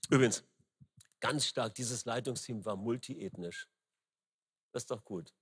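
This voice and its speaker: A middle-aged man preaching a sermon, emphatic and rising loud on key words, with frequent fillers. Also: mid-range voice, a little slow, slightly rough. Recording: long reverb in a large hall.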